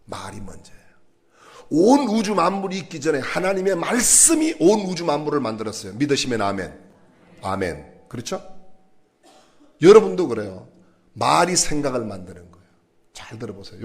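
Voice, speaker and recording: A man preaching a sermon in a church, animated and asking the congregation questions. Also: mid-range voice. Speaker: pastor.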